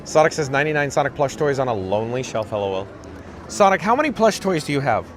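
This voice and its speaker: This livestream host, raspy and mid-pitched, talks fast while reading viewer chat in a flat, self-deprecating, dry tone. He carries his camera rig along a parade route, and background noise from the crowd and music fills the outdoor recording.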